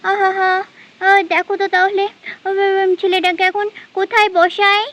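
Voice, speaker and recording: A woman voicing a bustling village mother doll who scolds and dotes on her children, talking fast and nagging. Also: extremely high pitch, flat delivery, fairly bright tone. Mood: fussing. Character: fussy village mother, scolding yet doting. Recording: dull lo-fi sound.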